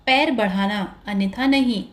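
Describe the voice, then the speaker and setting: A woman storyteller narrating a folk tale in a measured way, speaking straight to the listener. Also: medium pitch. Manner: measured, addressing the listener directly.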